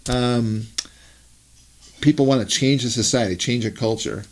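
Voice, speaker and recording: A man's voice: mid-range voice, unhurried, a little mellow. A man co-hosting a casual gospel discussion, often repeating words and restarting as he thinks aloud. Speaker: co-host.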